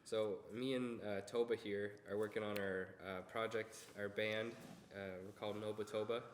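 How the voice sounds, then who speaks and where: A man's voice: lowish voice, fairly even intonation, moderate pace, a little hiss or hum. A young man co-hosting a casual podcast in a rambling, self-deprecating way, recorded on a shared mic in a roomy space. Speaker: podcast co-host. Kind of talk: casual unscripted podcast chat. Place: indoor room, around a table. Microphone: one shared mic on a table.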